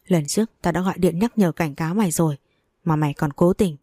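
A woman's voice: lowish voice, steady tone, dark tone, dry recording, clean studio sound, close to an everyday voice. Woman reading as a furious cursing wife. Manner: harsh rapid scolding.

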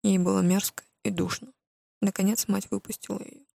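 A woman narrating an audiobook in a steady, even storytelling manner on a close microphone. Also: mid-range voice, brisk, gravelly, no room sound. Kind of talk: scripted narration.

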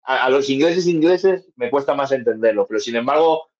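A man's voice: mid-range voice, animated, moderate pace, a little mellow. Guest guy on a kinda muffled line, laughs a lot, rambles on. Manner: laughs often, rambling explanations. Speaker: podcast guest, angler. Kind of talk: casual chat. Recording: dull remote audio.

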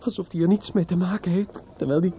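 In a muffled, noisy old radio play, an actor voices a drunk, grieving judge's son, stammering and repeating himself as he broods bitterly in inner monologue. His voice is high and fast with fairly even intonation, close to how he'd normally talk.

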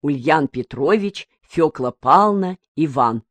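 A woman audiobook reader narrating a novel in an even, measured storytelling manner. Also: sits low, dry recording.

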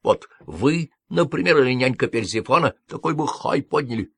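A man voicing an eccentric, excitable middle-aged official who exclaims and mocks theatrically in an audiobook. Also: medium pitch, normal speed, vocal fry, husky, dry recording, clean studio sound, pitched above the performer's own voice. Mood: mocking. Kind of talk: audiobook character voice.

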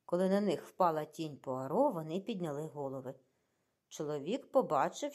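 Expressive woman reading an audiobook. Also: fairly low pitch. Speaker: audiobook narrator. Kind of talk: scripted narration.

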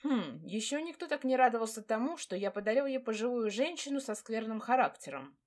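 A woman plays a proud, brooding male dragon lord speaking tenderly to his fiancée in a low, hushed tone. Her pitch swings widely, and she talks fairly quickly.

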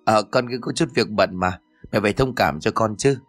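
An easygoing young man talks in a casual, polite way, as a man voices him. His voice sits on the low side. Quiet music hums under this horror audio story. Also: normal speed.

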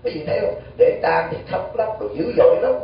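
A Buddhist monk giving an animated storytelling sermon, full of rhetorical questions. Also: male voice, high voice, quick pace, gravelly. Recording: echoey hall, distant dull mic.

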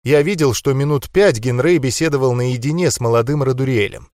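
Man, audiobook narrator, first person, steady even storytelling, middle pitch, dry close recording. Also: brisk, no echo.

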